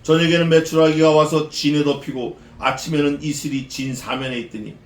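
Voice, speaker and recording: 울림 있는 교회에서 설교하는 활기찬 남성 목사. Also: male voice, a little high, fairly quick, roomy sound. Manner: lively, asks the congregation questions, mixes in casual slang. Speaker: pastor. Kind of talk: expository sermon. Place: church sanctuary.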